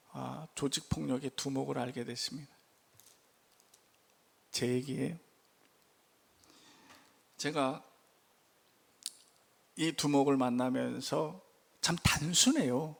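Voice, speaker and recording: High-voiced man telling a sermon story. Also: takes it slowly, creaky, pauses often. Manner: animated storyteller asking the congregation questions. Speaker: pastor. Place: church.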